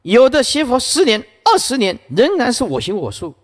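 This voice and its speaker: A man's voice: very high voice, huge pitch swings, normal speed. A man giving an emphatic Buddhist sutra lecture, storytelling with frequent interjections. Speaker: Buddhist dharma teacher. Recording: long hall reverb.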